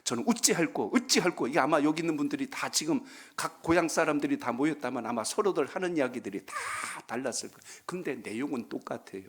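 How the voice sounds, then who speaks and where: A man's voice: medium pitch, fast talker, few pauses, slight background noise. A man, a pastor, preaching a Friday prayer-meeting sermon in a church, calling for amens and telling folksy jokes. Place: church sanctuary.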